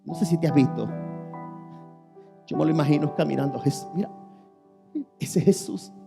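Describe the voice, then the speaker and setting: Impassioned high-voiced pastor. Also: male voice, moderate pace, creaky, music in the background. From Puerto Rico. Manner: impassioned preaching, swinging between shouting and hushed tones; addresses the congregation directly, names listeners. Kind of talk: sermon. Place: church.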